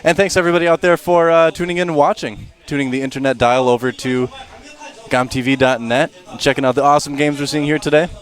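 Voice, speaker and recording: A man's voice: a little high, steady tone, fast. Chatty male esports caster. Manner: chatty, easygoing banter. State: out of breath. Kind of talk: casual esports commentary.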